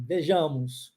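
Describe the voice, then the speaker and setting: A woman with a Brazilian Portuguese accent teaching English pronunciation in a live online class, drilling phrases slowly and checking in with the learners. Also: low-pitched, warm tone, husky.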